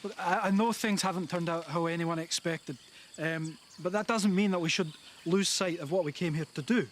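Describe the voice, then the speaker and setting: An actor playing a patient camp leader, high-voiced. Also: male voice, normal speed, close to an everyday voice. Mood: calm, coaxing. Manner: patient, hesitant, with many "uh"s. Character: adult man leading a teen camp, patient. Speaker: camp leader of a group of teenagers. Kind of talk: TV drama acting. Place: outdoors in the bush. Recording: outdoor noise behind the voice.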